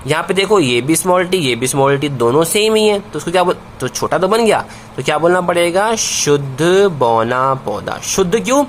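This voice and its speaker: A man's voice: high voice, slight background noise. Man teaching, answering his own questions. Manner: asks questions and answers them himself, repeats key words; calls students "bhai", slows down on key answers. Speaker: science teacher. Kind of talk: classroom-style video lesson.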